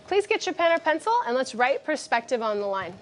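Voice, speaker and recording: High-voiced woman teaching a class. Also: very animated, fairly quick, faint music behind. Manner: clear, directive, praising students. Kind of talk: classroom vocabulary lesson.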